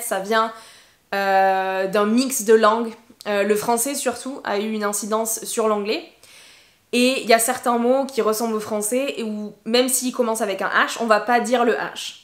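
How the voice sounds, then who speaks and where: A woman whose first language is French, teaching English pronunciation in a bilingual lesson and slowly drawing out example words. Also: on the high side, a bit bright. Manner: switches between English and French, slow drawn-out examples. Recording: echoey room.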